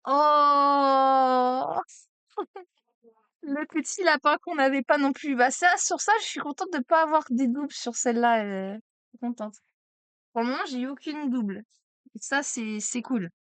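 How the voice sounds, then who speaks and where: A woman streaming a card opening, chatty and excitable, exclaiming over each card. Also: high voice, normal speed, no room sound. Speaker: streamer opening trading cards. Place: at home desk.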